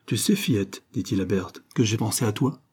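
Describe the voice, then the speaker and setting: A man's voice: on the low side, normal speed, darkish tone, husky. A man reading aloud, voicing a middle-aged industrialist and deputy who reasons patiently and teases lightly. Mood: reasoning.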